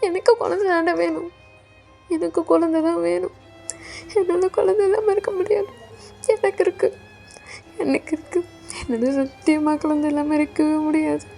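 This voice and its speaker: A woman's voice: extremely high pitch, flat delivery, moderate pace, gravelly, pauses often, dark tone, faint music behind. A woman voicing a young man who pleads tearfully and insistently with his lover for a child, in a fan audio drama. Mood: begging.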